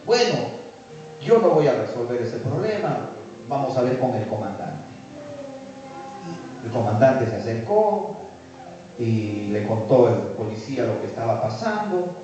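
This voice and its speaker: A Peruvian man, a pastor, telling a story in a sermon and acting out every voice in it. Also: medium pitch. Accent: Peruvian Spanish. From Peru. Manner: animated storytelling, acts out dialogue. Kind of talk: sermon testimony. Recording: echoey hall, distant mic, dull sound.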